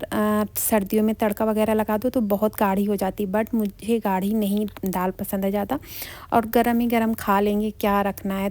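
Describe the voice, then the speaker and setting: A woman vlogging her morning at home, chatting casually while she cooks and cleans in her kitchen and walks outdoors. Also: mid-range voice. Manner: chatty, walks viewers through chores; speaks softly at times so neighbours are not disturbed.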